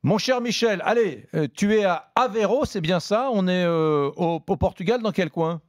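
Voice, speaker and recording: A male radio host interviewing a caller, asking brisk, friendly questions. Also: high voice.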